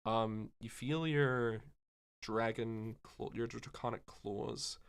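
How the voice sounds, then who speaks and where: A man narrating as game master of a tabletop game, describing the action with many pauses and fillers. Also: mid-range voice, steady tone, smooth.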